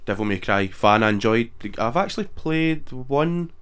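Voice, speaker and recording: A man, a co-host chatting casually about video games, relaxed and quick to laugh. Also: medium pitch, clear, resonant tone.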